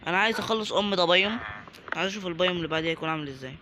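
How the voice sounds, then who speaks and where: A man's voice: high voice, racing, background noise. A young man with an Egyptian Arabic accent, giving joking, chatty let's-play commentary and talking to the game's characters. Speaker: gaming YouTuber.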